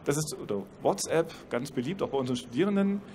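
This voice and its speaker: On a trade fair stage, a university professor on a panel explains at length, dropping dry, ironic asides. His voice sits on the high side, with a darkish tone, and he talks fast and animatedly. A handheld mic picks him up with a little hiss or hum.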